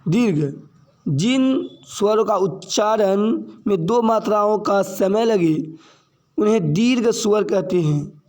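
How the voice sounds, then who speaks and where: Male teacher, high mellow voice, deliberate classroom delivery, repeats and quizzes himself. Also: expressive. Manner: repeats points and asks questions he answers himself; slow and deliberate, stressing key terms. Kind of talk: classroom grammar lesson.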